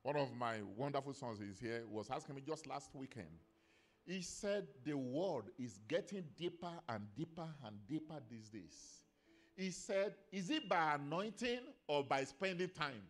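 A middle-aged man preaching a sermon in a church, swinging between quiet storytelling and emphatic scripture reading. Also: fairly high pitch, animated, measured pace. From Nigeria. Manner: laughs between stories. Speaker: pastor.

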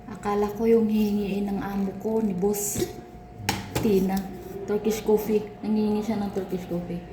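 Chatting to herself from her office at work, a woman records a casual vlog and laughs often. She has a mid-range voice, a flat delivery and a moderate pace, and the room sounds echoey with background noise.

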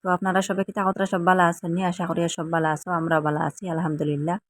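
A woman's voice: lowish voice, fairly even intonation, racing. A woman from Assam with a Sylheti accent, chatting to viewers in a casual cooking vlog in a rambling, chatty way. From Assam, India. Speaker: vlogger.

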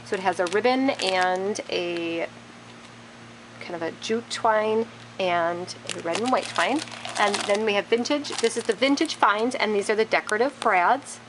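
The recording is rough, with slight background noise, as a woman shows store products in a big wire-shelved warehouse. Filming behind a handheld camera, she names each item plainly in an unhurried, mid-range voice with a fairly bright tone.

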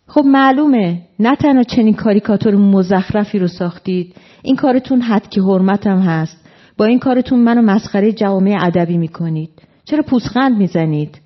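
A woman's voice: lowish voice, few pauses, close to an everyday voice. A woman reading out the lines of a self-assured male novelist teasing his friend, in a dull lo-fi recording.

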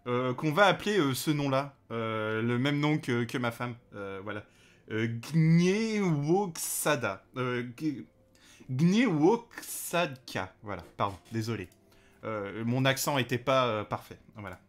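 A man of medium pitch and slightly bright tone hosts a let's play at a moderate pace. He talks loosely and hesitantly, packing in fillers and calling out to the game's characters during the casual commentary.

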